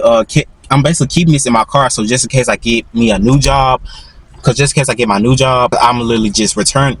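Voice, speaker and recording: A man's voice: medium pitch, slight background noise, rough recording. A young man in his twenties telling a storytime as a vlogger, rambling with constant restarts and repeated "literally". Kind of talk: storytime monologue.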